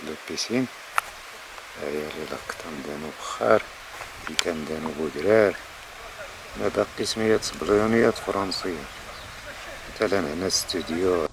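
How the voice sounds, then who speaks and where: A man's voice: low-pitched, brisk, long pauses, background noise. A middle-aged man with a Moroccan accent explaining informally as a local guide, mixing in French words. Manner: mixes French words into his talk.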